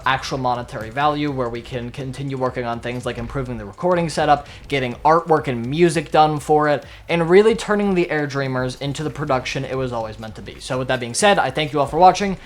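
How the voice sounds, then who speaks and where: Young guy hosting his channel, rambling outro, middle pitch, talks fast like an auctioneer. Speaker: channel host. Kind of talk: casual outro to the camera.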